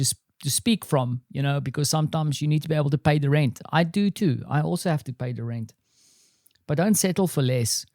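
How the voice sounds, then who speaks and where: Guy hosting his show, chatty and self-deprecating, bit higher voice, dead dry mic. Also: darkish tone, no room sound. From South Africa. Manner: rambling, self-deprecating, restarts often. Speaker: podcast host. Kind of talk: casual solo monologue. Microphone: studio microphone.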